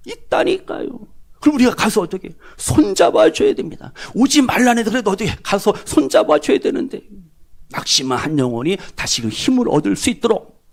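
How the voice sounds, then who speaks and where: A middle-aged man preaching a sermon as pastor, animated and dropping at times to a whisper. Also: high-pitched, creaky.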